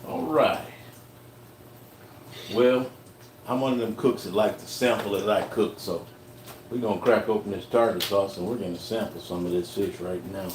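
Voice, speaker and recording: A man's voice: on the low side, steady tone, moderate pace, a little mellow, roomy sound, distant mic, a little hiss or hum, low-quality recording. A man livestreaming himself cooking outdoors, talking in a folksy, casual way and tasting the food as he goes.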